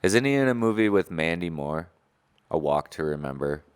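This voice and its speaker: Deep-voiced joking podcast man. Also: expressive, normal speed, clean tone. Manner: rambling, joking, loud outbursts. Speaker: podcast co-host. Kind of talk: casual podcast chat.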